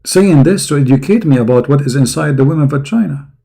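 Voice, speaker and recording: Gravelly-voiced man, mocking commentary. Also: fairly high pitch, lively intonation, fairly quick, dark tone. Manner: mocking, sarcastic. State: losing his voice. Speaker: online religious commentator. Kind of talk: sarcastic debate commentary.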